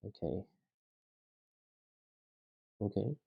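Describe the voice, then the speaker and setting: In a casual at-home vlog, a man builds a toy set while speaking English as a non-native speaker, quietly and haltingly, with many fillers and a dry throat. His lowish, gravelly voice swings widely in pitch. The recording loses its highs and carries a slight hiss or hum.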